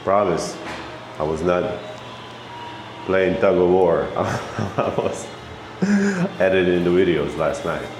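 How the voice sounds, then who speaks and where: Here the Bosnian trucker talks in a low, slow voice with long pauses, casually vlogging into his handheld camera with slangy, profane banter. Background noise runs throughout as he moves between the truck stop outdoors and the shower room.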